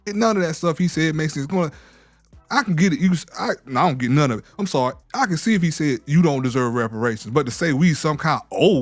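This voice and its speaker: A man co-hosting a casual commentary show, talking in an animated, mocking, exasperated way. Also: fairly high pitch, no echo. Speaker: co-host.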